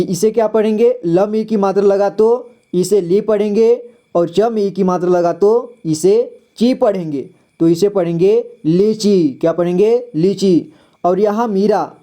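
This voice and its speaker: A man teaching a reading lesson, sounding out syllables slowly, repeating each word and quizzing the listener. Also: high voice, dark tone. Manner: patient, repeats words, quizzes the viewer. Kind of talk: slow classroom-style reading lesson.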